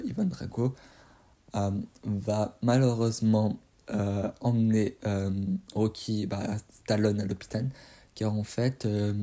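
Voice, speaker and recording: A young man talks through a film review casually, stumbling over fillers and restarting his sentences. His voice is low-pitched, very dark and mellow, with a husky edge. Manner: hesitant, many fillers and restarts.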